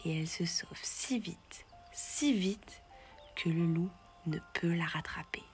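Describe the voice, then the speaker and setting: A woman tells a bedtime tale for children, her voice soft and often dropping to a gentle whisper. She takes her time, letting each phrase settle unhurriedly. Quiet music plays faintly underneath. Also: fairly low pitch, slow pace. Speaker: storyteller. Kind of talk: children's bedtime story narration.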